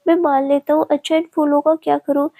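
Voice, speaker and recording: A distressed young man who clings to hope like a child, read in a woman's storytelling voice. The voice sits high and level, with a soft, mellow tone. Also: little pitch movement, brisk, dry recording, studio quality. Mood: calmer.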